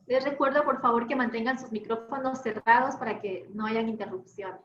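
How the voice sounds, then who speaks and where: Brisk woman trainer, high-ish voice, lively online lecture, dull echoey call audio. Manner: fast-talking, lively, rhetorical questions.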